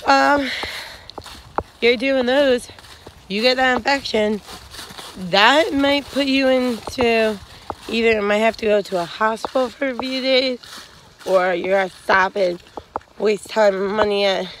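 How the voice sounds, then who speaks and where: A young woman with a fairly high, somewhat bright voice gives straightforward hiking advice in a casual vlog, with a little hiss or hum audible. She rambles with plenty of fillers, filming on a phone held at arm's length along a wooded trail.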